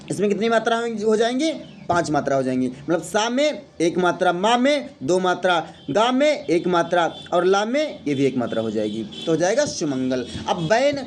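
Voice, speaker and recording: A man with a high voice teaches a lesson step by step, counting out loud and posing questions that he answers himself. A faint hum of room noise sits behind him. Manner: explains step by step, counting aloud and asking then answering his own questions. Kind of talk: Hindi grammar lesson.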